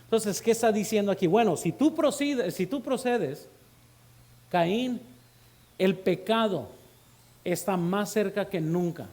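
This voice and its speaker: A Mexican pastor delivers a sermon in a church, his voice sitting notably high for a man. He speaks straight to the congregation, calling them brothers and putting questions to them. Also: unhurried, long pauses, a little mellow.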